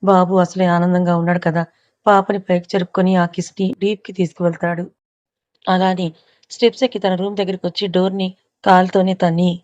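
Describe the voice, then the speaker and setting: A woman narrating a romance novel aloud in a steady storytelling manner. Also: fairly low pitch, no echo, lo-fi sound. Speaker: audiobook narrator.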